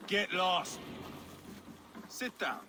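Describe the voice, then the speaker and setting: An actor playing an unstable, mocking, bloodthirsty older Viking warrior in a video game, with a theatrical, taunting delivery. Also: male voice, sits high, drawn-out words. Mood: boastful, intense. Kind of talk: dramatic video game acting. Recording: game ambience noise behind.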